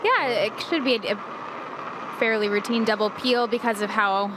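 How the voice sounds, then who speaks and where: A woman giving measured, analytical color commentary on a sports broadcast. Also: a little high. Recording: noisy arena broadcast.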